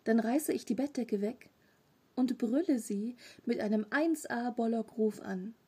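A woman's voice: a little high, unhurried, warm tone, slightly rough. A woman reading a storybook, voicing a curious, naive male three-eyed monster who explains things matter-of-factly. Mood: explaining.

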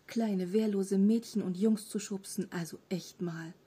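Woman doing a storybook monster, small, furry, three-eyed, mischievous, rough half-whisper, breathy. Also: mid-range voice, fairly even intonation, measured pace, mellow. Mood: cheeky friendly. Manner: mischievous, friendly. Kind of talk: audiobook character voice.

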